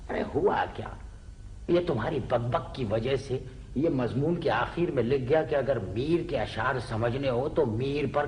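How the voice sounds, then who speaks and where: An actor gives voice to a boastful middle-aged father with a lively, swooping voice who exclaims and showers flowery praise. His pitch sits in the middle, with a faint hiss behind him. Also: close to an everyday voice. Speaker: father of the household. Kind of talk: classic television comedy drama acting.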